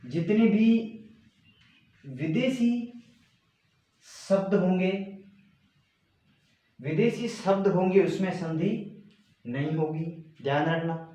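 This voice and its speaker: A male teacher giving a grammar lesson, slowly repeating and stressing key words. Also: high voice, mellow. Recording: very echoey room.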